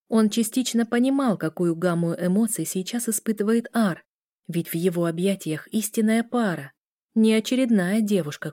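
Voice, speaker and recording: A woman narrating a novel in an even storytelling read. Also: on the low side, no echo, clean studio sound. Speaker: audiobook reader. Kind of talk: scripted narration.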